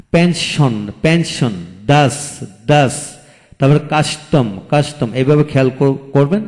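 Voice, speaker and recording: Slow, repetitive male English teacher. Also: medium pitch, darkish tone. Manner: slow, repeats each word twice and spells it out. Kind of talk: video lesson. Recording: long hall reverb.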